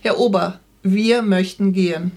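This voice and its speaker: A woman's voice: mid-range voice, fairly even intonation, measured pace, a little mellow. A woman reading aloud as a stubborn middle-aged husband set in his habits, in a plain, slightly pleading tone. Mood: hurt.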